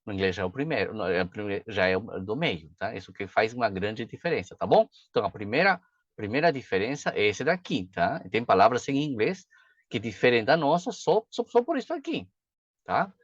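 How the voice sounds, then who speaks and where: Chatty teacher, dull dry recording. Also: male voice, lowish voice, big pitch swings, brisk, no room sound. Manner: chatty, frequent "tá?" and "né?" check-ins. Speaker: pronunciation teacher. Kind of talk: casual video lesson.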